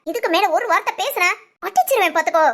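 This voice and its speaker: A woman's voice: very high voice, animated, fast talker. A woman voicing a bossy, protective young friend in a cartoon, talking in a firm, scolding way. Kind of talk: cartoon voice acting.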